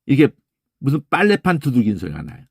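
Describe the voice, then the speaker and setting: Animated Korean man teaching in a lecture. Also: fast talker, gravelly, husky, no room sound, studio quality. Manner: emphatic, lively demonstrating, repeats phrases with sudden pitch jumps; casual speech, trailing questions. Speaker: Bible language teacher.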